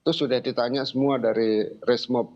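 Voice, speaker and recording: An older man giving an account in an interview, speaking informally and haltingly with repeated phrases. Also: mid-range voice, steady tone, darkish tone. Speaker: interviewee, grandfather of a missing child. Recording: dull lo-fi sound.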